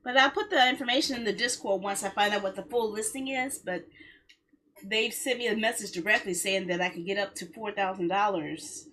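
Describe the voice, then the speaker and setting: Talking a little fast at a medium pitch, a woman who streams games chats casually with her viewers. Her rambling has a mildly complaining, self-justifying tone, with steady noise in the background.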